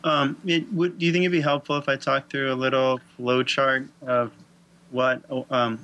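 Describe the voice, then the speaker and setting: A man's voice: medium pitch, flat delivery, moderate pace, pushed and bright, highs cut off. A man co-hosting a health talk, walking step by step through how digestion works in a casual, lightly joking way. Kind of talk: casual explanatory chat.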